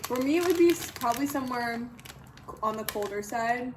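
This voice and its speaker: A woman's voice: fairly high pitch, animated, a little fast. A young adult woman in a casual chat, talking in slangy, conversational phrases full of "like". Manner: filler-heavy, slangy conversational talk with frequent "like". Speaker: vlogger in a food Q&A video with a friend. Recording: roomy, distant mic, clear background noise.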